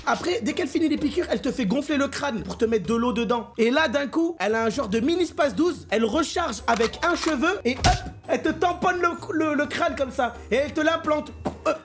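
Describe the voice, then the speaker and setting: A man's voice: very high-pitched, brisk, noisy background. Slangy young man telling a wild story. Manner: animated, slangy, acts out scenes with big swings. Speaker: streamer. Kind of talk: casual storytelling to viewers.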